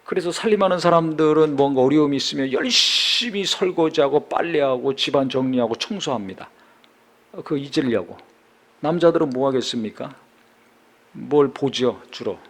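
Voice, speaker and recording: A man's voice: mid-range voice, animated, moderate pace. A middle-aged male pastor reading scripture and then preaching a sermon, posing questions and answering them.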